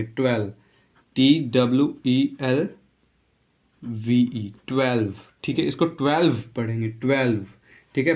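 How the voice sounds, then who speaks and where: A man's voice: medium pitch, a little mellow. A male teacher giving a casual spoken lesson, spelling words letter by letter, repeating each pronunciation and checking in with "okay". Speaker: English teacher.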